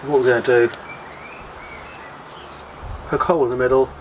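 A man's voice: mid-range voice, little pitch movement, moderate pace, echoey room, a little hiss or hum. A man, explaining a gardening experiment step by step in a matter-of-fact way. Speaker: gardening vlogger. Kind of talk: casual how-to explanation. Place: small room indoors, then back garden.

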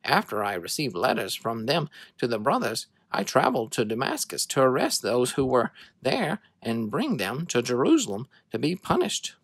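Scripture becomes a dramatic children's story in this narrator's expressive, measured reading. The voice sits at a medium pitch, and the recording is dry.

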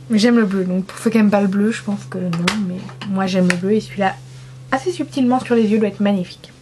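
A woman's voice: mid-range voice, darkish tone, slight background noise. A young woman from France chatting casually through a makeup swatch review, enthusiastic and self-mocking. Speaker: beauty vlogger.

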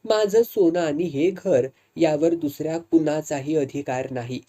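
A woman's voice: sits low, a little slow, mellow. A woman voicing a proud, firm older sister in a read-aloud story. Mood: stern. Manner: firm, stern.

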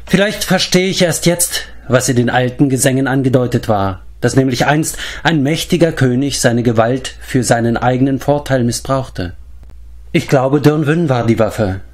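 A man voicing a wise old male bard in a storybook reading, speaking in a measured, reflective way. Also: medium pitch, close to an everyday voice.

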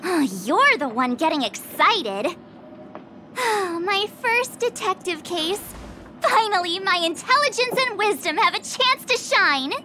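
A woman's voice: very high voice, expressive, background noise, full character voice. An actress playing a cheerful, eager young woman adventurer in a video game, bubbly and teasing. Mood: excited. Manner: bubbly and playful, quick to tease. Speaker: game character.

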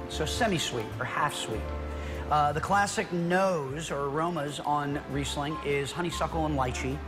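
A middle-aged man, a winemaker, guiding a tasting in a friendly, explanatory way, recorded indoors in a winery on a lapel mic. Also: fairly high pitch. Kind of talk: conversational product explanation.

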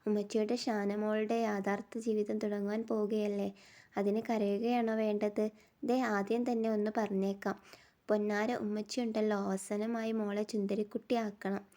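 A woman voicing a dying young woman who speaks softly and pleadingly to her family. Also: medium pitch, flat delivery, normal speed, lightly acted. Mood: tender.

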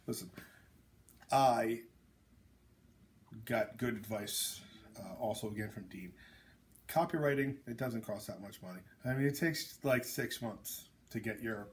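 A man's voice: lowish voice, unhurried, pauses often, a little hiss or hum. A man, an author hosting a casual chat, talking bluntly and jokingly with lots of fillers and tangents. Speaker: author and host.

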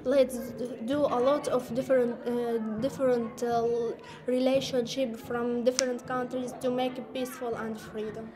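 A young woman answering interview questions, halting with many pauses and fillers. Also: on the high side, little pitch movement, music in the background. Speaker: exchange participant.

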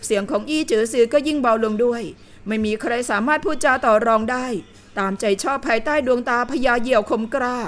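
A woman reading a period novel aloud in a steady storytelling manner. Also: on the high side. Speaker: audiobook narrator. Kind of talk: scripted novel narration.

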